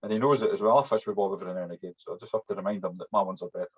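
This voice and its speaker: Husky man with a strong Scottish accent. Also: deep voice, fairly even intonation, rapid-fire, darkish tone. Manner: chatty, often tagging sentences with "yeah". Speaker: fly-tying instructor. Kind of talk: informal hands-on demonstration talk. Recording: dull, muffled lo-fi audio.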